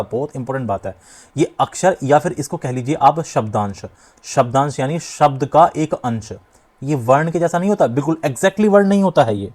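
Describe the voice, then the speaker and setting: A man's voice: on the high side, darkish tone. Emphatic young male grammar teacher. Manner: emphatic, repeats key points, often says "dhyaan deejiye"; sounds out syllables slowly to demonstrate. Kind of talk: exam-prep lesson at a board.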